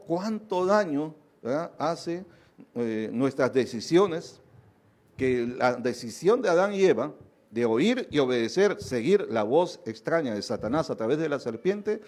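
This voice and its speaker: A man delivers a sermon in a voice pitched higher than most men's. He peppers his preaching with rhetorical questions and little tag questions, and he slips into other people's voices to make his point. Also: darkish tone. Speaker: pastor.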